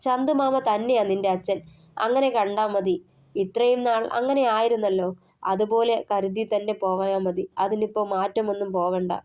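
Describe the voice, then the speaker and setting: A woman voicing a calm man who slowly consoles a crying young woman in an audio story. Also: mid-range voice, highs cut off, natural voice. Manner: slow, soothing.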